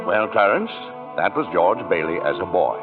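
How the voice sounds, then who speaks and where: An actor playing a patient heavenly elder, narrating in folksy American 1940s radio drama style. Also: male voice, low voice, big pitch swings, normal speed. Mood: genial storytelling. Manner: folksy, explanatory. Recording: muffled old radio broadcast, faint music.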